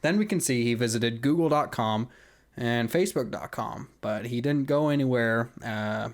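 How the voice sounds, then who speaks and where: A man's voice: medium pitch, normal speed. A man giving casual, conversational screen-recording commentary, explaining step by step and often checking in with the listener. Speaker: video creator walking through an account hack.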